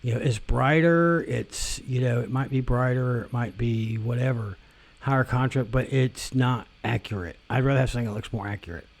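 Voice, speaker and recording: A man's voice: medium pitch, moderate pace. A man vlogging in a casual rant, rambling and profane, often repeating and restarting himself.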